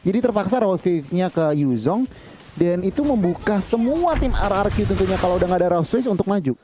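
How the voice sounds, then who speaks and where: A man's voice: high-pitched, expressive, a little fast, background noise. A man with an Indonesian accent analysing a live esports match, explaining plays and posing rhetorical questions. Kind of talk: live game analysis commentary.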